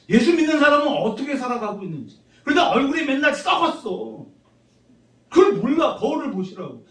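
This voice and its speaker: Animated middle-aged Korean pastor preaching. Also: male voice, high-pitched. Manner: animated, conversational, teasing the congregation. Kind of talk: sermon. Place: church sanctuary. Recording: roomy church sound from a distant mic.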